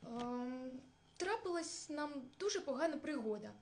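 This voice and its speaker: A woman's voice: sits high, lively intonation, unhurried, darkish tone, a little hiss or hum. A woman voicing a small, clever hare who speaks as politely as he can. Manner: polite, pleading.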